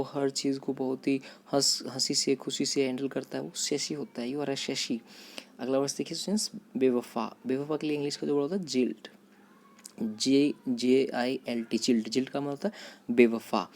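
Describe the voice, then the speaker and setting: A man teaching vocabulary to students, repeating each word, spelling it out letter by letter and pausing on fillers. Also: mid-range voice, a little mellow. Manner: addresses students directly, with hesitant fillers. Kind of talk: vocabulary lesson.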